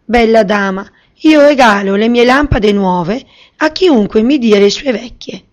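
A woman voicing a scheming old wizard disguised as a beggar, loud and drawn-out when he commands. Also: a little high, animated. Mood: wheedling. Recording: slightly muffled recording.

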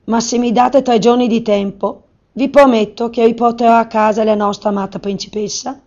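A woman's voice: on the high side, steady tone, normal speed, a little mellow, natural voice. A woman playing Aladdin, earnest young man. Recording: slightly muffled recording.

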